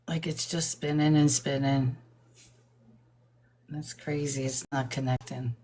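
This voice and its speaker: A woman's voice: extremely low pitch, fairly even intonation, slow, dark tone. An older woman hosting a live stream, chatting casually, laughing often and greeting viewers by name. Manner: admits nervousness about reading aloud.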